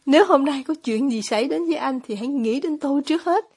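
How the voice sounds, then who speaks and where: A woman voicing a gentle, devout young man who speaks quietly and deliberately, read as an audiobook. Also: sits high. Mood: pleading. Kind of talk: audiobook reading of dialogue.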